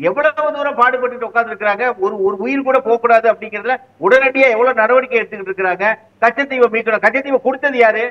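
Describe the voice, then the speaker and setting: A man's voice: extremely high pitch, quick pace, muffled recording. A man speaking as a guest commentator in a heated political interview, arguing his side with repeated rhetorical questions.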